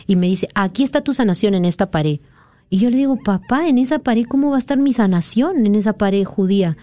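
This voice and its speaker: A woman's voice: medium pitch, expressive, fairly quick, mellow, dry recording. A woman from Peru earnestly retelling a dream as a guest in a conversation. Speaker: guest sharing a testimony. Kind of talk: conversational storytelling.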